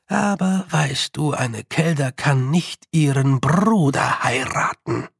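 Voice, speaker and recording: Male narrator doing a polite bard, slow, measured, rolled R. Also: a little high, expressive, gravelly, husky, dry recording, studio quality, exaggerated voice. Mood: courteous. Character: polite, well-spoken male clan bard, rolling his R.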